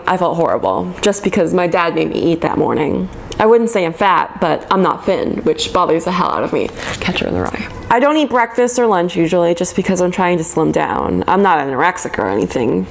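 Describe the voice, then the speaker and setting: A woman in her twenties, a vlogger, reads her old teenage diary aloud in a lowish, gravelly voice, with slight background noise. She is casual and chatty, embarrassed and making fun of herself.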